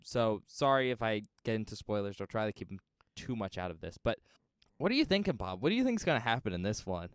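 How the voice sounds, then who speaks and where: Smooth-voiced, teasing man on a podcast. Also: on the low side, sing-song, quick pace, dry recording, studio quality. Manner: teasing, laid-back, laughs often. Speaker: podcast co-host. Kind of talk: casual chat.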